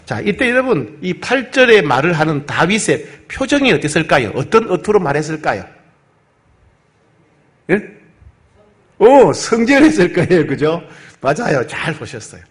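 A man's voice: on the high side, moderate pace, long pauses. A male pastor leading a Bible study, animatedly retelling the story and quizzing his congregation. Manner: animated, asks the congregation questions.

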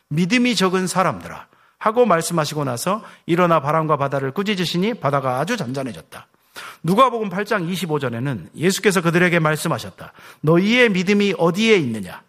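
A man's voice: a little high, fairly bright tone. A male pastor preaching a sermon, asking rhetorical questions and dropping his voice at the ends of phrases.

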